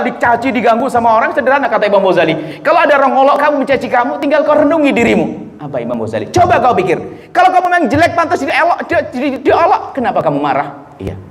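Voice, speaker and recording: A man from Indonesia preaching a lively sermon, acting out the people he quotes and swinging between low murmurs and high exclamations. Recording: roomy hall echo, faint ambience.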